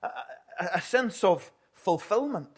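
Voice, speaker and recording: A male preacher with a Northern Irish accent gives a sermon in a notably high voice. His delivery is earnest and plain-spoken, turning now and then to rhetorical questions. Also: animated, a little slow, husky.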